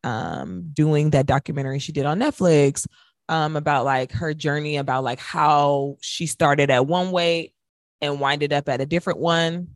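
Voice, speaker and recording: Speaking at a moderate pace, a woman with a low, steady voice chats casually as a talk show guest, using "like" very often. The recording is dry and the studio sound clean.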